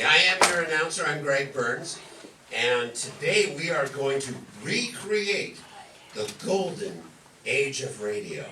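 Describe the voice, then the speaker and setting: Acting as master of ceremonies, a man announces a live show in a jovial mood, joking and chuckling along the way. His mid-range voice sounds pushed and bright. The recording is roomy and distant, from a stage, with music behind him and slight background noise.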